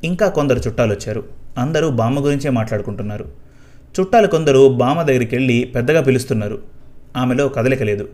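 A man narrating a first-person story in a quiet, even storytelling way. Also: mid-range voice, fast talker.

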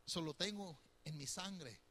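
Middle-aged male pastor, high and very bright voice, chatty sermon that teases the congregation. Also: measured pace, a little hiss or hum. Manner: conversational, teasing, asks the congregation questions. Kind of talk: sermon on marriage.

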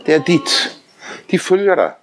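An older man preaching a sermon, telling lively anecdotes, often laughing and calling on listeners to say amen. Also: fairly high pitch, soft background music. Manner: animated storytelling, often laughing, calls for amens.

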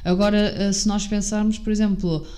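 Young woman with a mellow voice. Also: medium pitch, fairly even intonation, normal speed. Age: young adult. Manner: informal, slangy, frequent check-in tags. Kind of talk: casual chat.

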